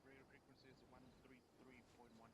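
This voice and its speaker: A man's voice: medium pitch, level tone, quick pace. A man acting as team leader in a military game, casually organizing his squad over voice chat. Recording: game voice chat with faint noise.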